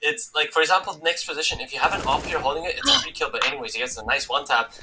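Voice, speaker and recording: A man casting a live esports match, excitable and yelling at big plays, his voice going hoarse. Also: a little high, very fast, very noisy. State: losing his voice. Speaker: esports caster. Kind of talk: live game commentary.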